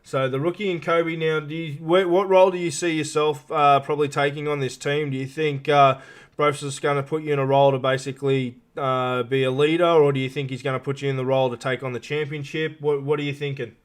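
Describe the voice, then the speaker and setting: A man with a clean, smooth voice on the higher side hosts a live interview show. He talks informally and matily, often pausing as he builds each question. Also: level tone. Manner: matey, informal, halting questions. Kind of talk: casual live interview hosting.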